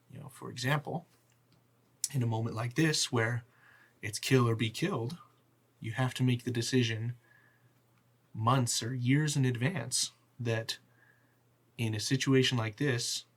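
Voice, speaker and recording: A man playing a devout figure who earnestly preaches about the gods and being spiritually prepared. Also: medium pitch. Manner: earnest, measured sermonizing.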